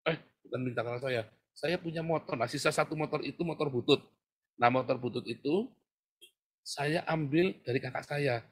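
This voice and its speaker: A middle-aged man with a husky, mid-pitched voice preaching a sermon. He drops to hushed prayer, then rises to loud, laughing exhortation of the congregation. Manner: laughs often, addresses congregation as "Saudara".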